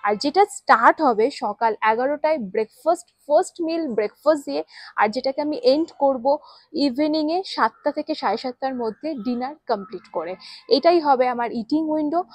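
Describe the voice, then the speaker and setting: High-voiced woman explaining her plan. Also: dry recording, rough recording. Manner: lists rules step by step, mixing English into Bengali. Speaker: fitness vlogger. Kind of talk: scripted-sounding vlog explainer.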